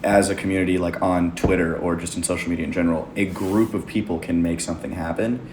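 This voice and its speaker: A man's voice: sits low, steady tone, fast talker. A young American man hosting a podcast, chatting in a rambling, opinionated way. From United States. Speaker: podcast host. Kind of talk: casual conversation. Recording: echoey room, faint noise.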